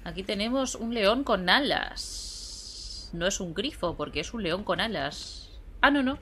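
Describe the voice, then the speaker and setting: A woman's voice: medium pitch, lively intonation, measured pace, a bit bright, a little hiss or hum. A young woman giving casual, playful gameplay commentary, chatting to herself as she plays. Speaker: gameplay streamer. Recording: game music behind.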